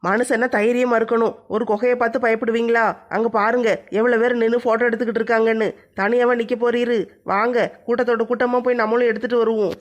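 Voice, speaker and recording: A woman's voice: fairly high pitch, little pitch movement, fast talker, close to an everyday voice. A woman playing a bold, helpful young village woman in a family skit, cheerful and teasing.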